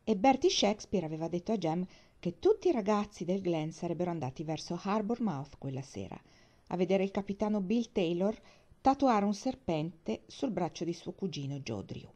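A woman narrating an audiobook in an expressive storytelling manner. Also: fairly low pitch, normal speed. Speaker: audiobook reader. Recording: dull lo-fi recording.

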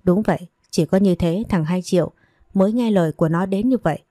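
A woman's voice: lowish voice, fairly quick, dark tone, no room sound, clean studio sound, lightly acted. A woman voicing a bitter, domineering older mother who scolds and wails in self-pity. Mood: spiteful.

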